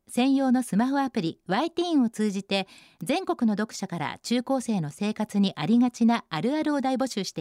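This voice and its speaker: Lively-voiced female radio host. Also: on the high side, dry recording, studio quality. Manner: bright, chatty commentary on each post. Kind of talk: radio segment reading listener posts.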